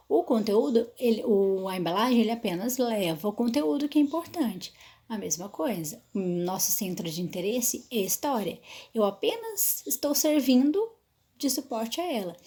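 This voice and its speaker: A woman's voice: a little high, dark tone. A woman teacher explaining storytelling tips step by step, often checking in with "certo?", and having some trouble with her voice. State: voice trouble, pauses to drink water.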